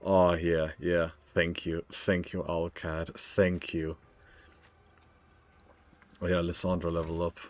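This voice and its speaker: A man's voice: sits low, flat delivery, takes it slowly, pauses often. A man giving casual let's play commentary on a video game, stammering and repeating himself as he thinks aloud. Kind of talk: casual playthrough commentary with text read aloud.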